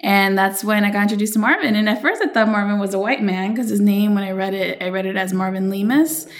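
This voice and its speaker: A woman from Los Angeles, a screenwriter guest on a podcast, telling her story in a lively way with lots of "um" and "like.". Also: medium pitch, fast talker. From Los Angeles, USA. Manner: animated storyteller, many fillers and restarts. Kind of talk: interview storytelling.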